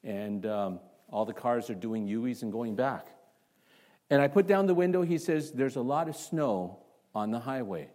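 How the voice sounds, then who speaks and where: At a measured pace and medium pitch, a pastor from Canada preaches in church. He starts with a quiet prayer, then animatedly asks his congregation a series of rhetorical questions.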